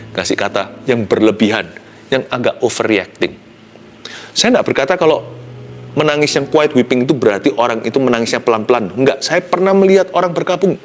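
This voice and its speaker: A man preaching a devotional sermon as a pastor, expressive, dropping soft and low then rising to sudden exclamations, slipping English phrases into his talk.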